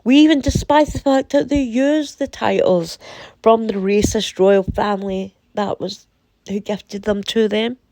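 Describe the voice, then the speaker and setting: A woman from the UK with a sore throat, giving casual, opinionated commentary in a deliberate, emphatic way, repeating phrases for effect. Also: mid-range voice, fairly even intonation, mellow, dry recording. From United Kingdom. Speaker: commentator reading and reacting to a website.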